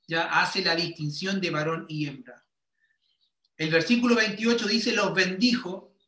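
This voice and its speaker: A man preaching a sermon as a teaching, measured and explaining, often checking with his listeners whether they follow. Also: high voice, sharp tone. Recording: roomy echo.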